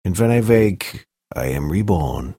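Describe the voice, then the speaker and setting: Man as a deep, solemn philosophical narrator. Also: lively intonation, measured pace, creaky, warm tone, husky, no room sound, studio quality, full character voice.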